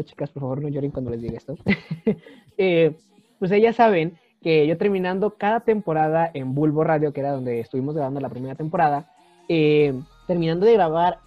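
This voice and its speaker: A young man, co-hosting a podcast in casual chat, animated and often mimicking others in high voices. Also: no room sound. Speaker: podcast co-host. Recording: slightly dull lo-fi sound, faint music.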